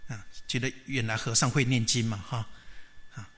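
A man preaching a sermon, telling a story in a lively way and often asking the listeners rhetorical questions. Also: medium pitch, normal speed.

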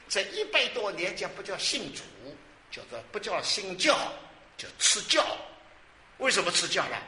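A man in his sixties preaching a sermon, lively and exclamatory, asking questions and answering them himself. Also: high voice, slight background noise. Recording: roomy hall with faint ambience.

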